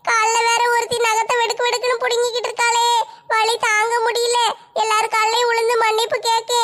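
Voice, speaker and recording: Woman doing a shrill sobbing village woman, begging, comic skit. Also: a bit bright. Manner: crying, begging, drawn-out wails. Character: village woman beaten in a brawl, pleading, wailing.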